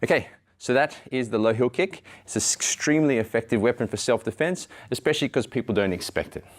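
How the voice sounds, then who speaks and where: A man's voice: mid-range voice, lively intonation, quick pace. A man in his thirties giving an instructional martial arts demonstration, explaining it step by step. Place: indoor training studio. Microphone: lapel mic.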